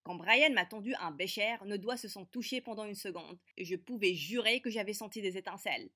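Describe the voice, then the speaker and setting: A woman voicing a feisty teenage girl who narrates an animated story with brisk, sarcastic wit. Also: medium pitch. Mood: sardonic.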